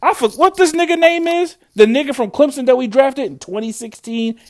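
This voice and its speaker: A man's voice: very high voice, fairly quick, a little mellow. A man ranting angrily and profanely about his football team's losses, repeating himself as he vents. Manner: angry, profane, repetitive. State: upset. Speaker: sports fan ranting. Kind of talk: profane sports rant.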